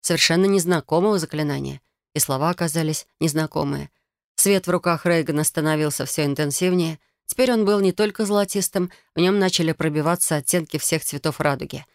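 A woman's voice: sits low, a little fast, no room sound, studio quality. Woman reading a fantasy audiobook. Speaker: audiobook reader. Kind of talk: first-person fantasy narration.

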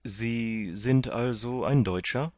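A man reading an audiobook voices a proud young Jesuit commander who speaks in stately, drawn-out exclamations. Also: mid-range voice, a little mellow, dry recording, pitched above the performer's own voice, natural voice. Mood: inquiring. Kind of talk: audiobook reading of a classic novel.

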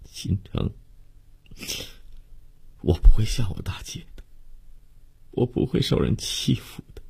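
A man reading a storybook voices a tender young woman who speaks softly and pleadingly, half in a whisper. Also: lowish voice, lively intonation, slow pace, gravelly, slightly rough, voice pushed up, heavily acted. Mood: reassuring.

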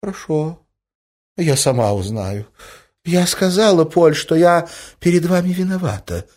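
A man voicing a scheming middle-aged lady who speaks in a soft, honeyed, reproachful way. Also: fairly high pitch, very animated, measured pace, pitched above the performer's own voice. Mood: cool probing.

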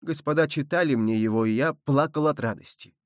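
A man's voice: on the high side, brisk, dry recording, clean studio sound, lightly acted. A man voicing a sentimental loyal servant. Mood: fervent. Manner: fervent, earnest.

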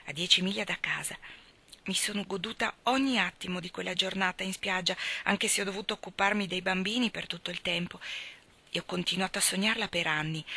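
A woman's voice: medium pitch, sharp tone, slightly rough, exaggerated voice. A woman reading a novel aloud, voicing an imaginative, chatty orphan girl who gushes and sometimes drops to a whisper. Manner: breathless, gushing, sometimes whispering. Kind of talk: audiobook reading.

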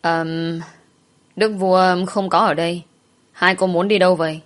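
A woman's voice: lowish voice, steady tone, unhurried, close to an everyday voice. A woman voicing a male palace secretary who is easygoing and teasing, with a light, reassuring manner.

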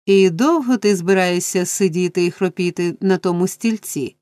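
A woman voicing a sharp-tongued, scornful middle-aged workhouse matron in an audiobook, with shrill scornful rises. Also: normal speed, no echo, lightly acted. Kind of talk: audiobook character reading.

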